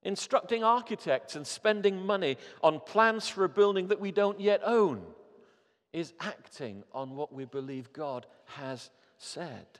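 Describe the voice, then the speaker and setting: A man's voice: high voice, lively intonation, unhurried. A man in his fifties preaching a sermon as a pastor, earnest and building to emphatic appeals. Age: 50s. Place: church hall. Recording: long hall reverb.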